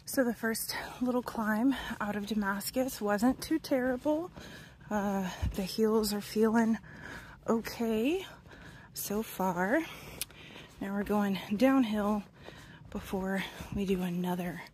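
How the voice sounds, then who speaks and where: Speaking slowly in a mid-range, darkish voice, a woman in her twenties narrates a casual vlog while thru-hiking through wooded mountains, her phone camera held at arm's length. She's chatty, says um often, and at times drops almost to a whisper. There's a little hiss or hum on the audio.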